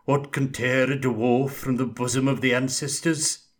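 A man doing a rasping grim dwarf warrior. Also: mid-range voice, steady tone, a little slow, close to an everyday voice. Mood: grave. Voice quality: rasping, gravelly. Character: grim male dwarf warrior, gruff and stern.

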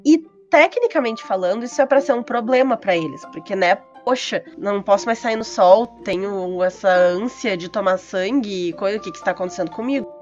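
A woman's voice: medium pitch, a little fast, few pauses. A woman co-hosting a casual chat about tabletop games, telling things in an informal storytelling way. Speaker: podcast co-host. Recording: slightly muffled, music behind.

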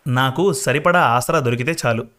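Guy doing a chill confident young dude, casual, mid pitch. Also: normal speed, fairly bright tone, natural voice. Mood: calm. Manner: easygoing, casual with English words. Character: calm, self-assured young man candidate.

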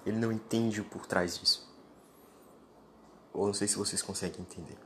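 A man's voice: fairly low pitch, fairly even intonation, brisk, sharp tone. A man speaks into a close podcast mic. He lectures bluntly and informally, talking straight at the listener in a solo monologue. A faint hum of ambient noise sits under his voice. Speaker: podcast host.

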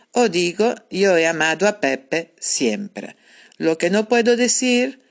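A woman teaching grammar in a recorded podcast lesson, patiently repeating her points and spelling out examples. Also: fairly low pitch. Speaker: language teacher.

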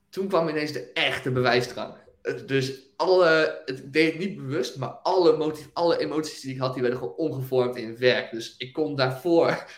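Young man telling his story, echoey room. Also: medium pitch. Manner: animated storytelling, laughs often, fillers like "weet je wel". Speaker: guest, business owner. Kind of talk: casual interview talk.

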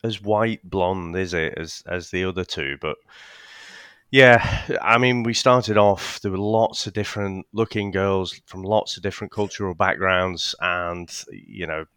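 A man's voice: low-pitched, steady tone, a little slow, a bit bright, clear, resonant tone, dry recording, studio quality. A man co-hosting a casual podcast, hesitant, with stammering restarts and casual swearing. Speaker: podcast co-host.

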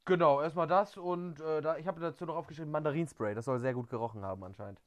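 A man with a high voice chats on a podcast at a rapid clip. He laughs often and trips over his words, restarting sentences and filling gaps with little hesitations. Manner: chatty, laughs often, many fillers and restarts. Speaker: podcast co-host. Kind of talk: casual chat.

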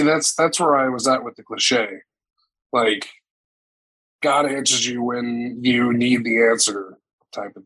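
A man on a podcast panel who speaks in a wry, joking way with frequent hesitations. His voice is slightly husky and mid-pitched. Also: fairly bright tone, poor audio. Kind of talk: casual roundtable discussion.

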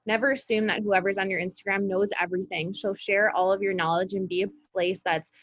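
A woman's voice: medium pitch, steady tone, brisk, a bit bright, no echo. Female podcast guest, upbeat and friendly, slightly dull remote-call audio. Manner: upbeat, friendly, talks in run-on tips. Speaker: podcast guest, social media coach. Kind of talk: casual chat.

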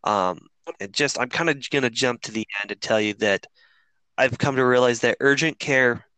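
A man's voice: mid-range voice, moderate pace, smooth, no echo, low-quality recording. A middle-aged man telling a long story in casual chat, rambling and swearing freely with lots of fillers. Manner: profane, rambling, animated storyteller.

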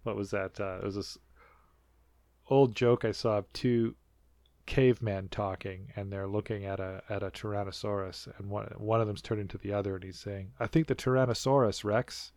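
Gravelly-voiced North American man chatting. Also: fairly low pitch, little pitch movement, normal speed, a little mellow, dry recording. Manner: rambling, many fillers and restarts, laughs often. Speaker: podcast co-host. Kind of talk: casual chat.

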